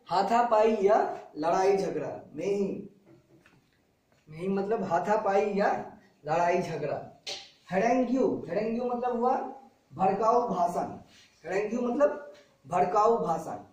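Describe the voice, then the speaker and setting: A man with a high voice teaches a class, repeating every word and meaning and drilling his students with questions. He is recorded from a distance in a very echoey classroom. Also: slow pace, pauses often, a little mellow. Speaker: vocabulary teacher.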